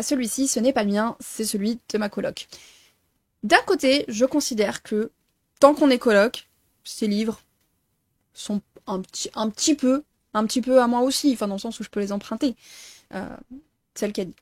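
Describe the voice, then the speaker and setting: A woman's voice: fairly high pitch, normal speed, pauses often, dry recording, studio quality. A young woman chatting casually about her reading plans in a vlog, talking in loose, self-correcting sentences full of fillers. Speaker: book vlogger.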